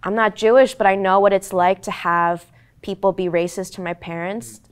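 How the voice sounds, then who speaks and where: On a candid panel, a woman actor in her twenties from the United States, whose first language was Korean, speaks thoughtfully and sincerely, filling pauses with plenty of "like"s and "um"s. She has a clear, resonant medium-pitched voice, steady in tone and at normal speed.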